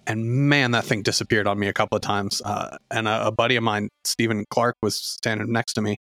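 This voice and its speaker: A man's voice: on the low side, steady tone, brisk, fairly bright tone, dry recording, studio quality. Rambling middle-aged man hosting a podcast. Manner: rambling storyteller, lots of fillers. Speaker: podcast host. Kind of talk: casual podcast chat.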